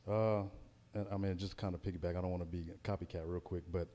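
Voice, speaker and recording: A man's voice: low voice, steady tone, fast, big-room sound, noisy background. An American man, a heavyweight boxer, giving a casual pre-fight interview in a hesitant, circling way. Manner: hesitant, circling, repeats words.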